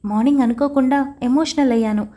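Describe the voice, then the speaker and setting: A woman's voice: sits high, fast talker, dark tone, voice pushed up. A woman reading the lines of a torn, tearful young wife in an audio story, emotional and defiant. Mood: tense.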